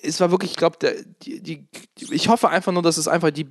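A man telling a story in casual chat, animated, acting out the people he quotes and often restarting his sentences. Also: on the high side, fast talker, dry recording, studio quality. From immigrant to Germany. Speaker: podcast co-host telling a story.

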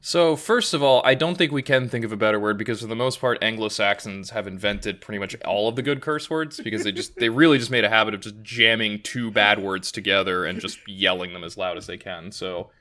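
A man with a low but bright, forceful voice co-hosts a casual podcast. He talks in long, winding thoughts and corrects himself often. His asides are dry and wry. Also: brisk, hardly any pauses. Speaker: podcast co-host. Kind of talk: casual chat.

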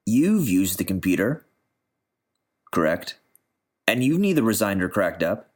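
A curt army general with a low, steady voice, read by a male narrator. He speaks plainly and briskly, without much color.

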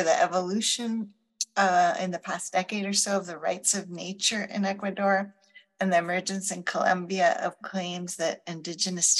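Thoughtful lower-voiced woman professor. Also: a bit bright, low-quality recording. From Chile. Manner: thoughtful, measured, pauses to find words. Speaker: law professor, guest. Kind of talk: conversational interview answers.

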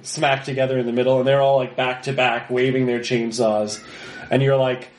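A man narrating a tabletop game as game master, halting with fillers and laughs. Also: mid-range voice, flat delivery, a little hiss or hum. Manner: halting, full of ums and laughs. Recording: echoey room.

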